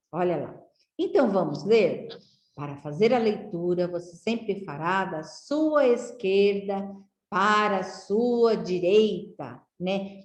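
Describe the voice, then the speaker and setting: A Brazilian woman teaching young children to read, drilling syllables slowly and asking them friendly questions. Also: mid-range voice, a little mellow. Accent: Brazilian Portuguese. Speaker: literacy teacher. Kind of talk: slow, clearly enunciated lesson for young children. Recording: echoey room.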